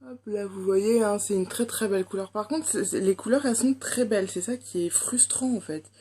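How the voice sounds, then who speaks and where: Chatty young Frenchwoman with mellow voice. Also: mid-range voice, a little fast, slightly rough. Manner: chatty, hesitant, many fillers. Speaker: beauty vlogger. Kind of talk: casual makeup review.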